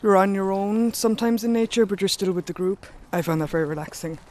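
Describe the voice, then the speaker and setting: A man's voice: sits high, fast, a little mellow. A man giving a casual interview answer outdoors. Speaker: group walk participant. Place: outdoors in woodland. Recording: faint outdoor ambient noise.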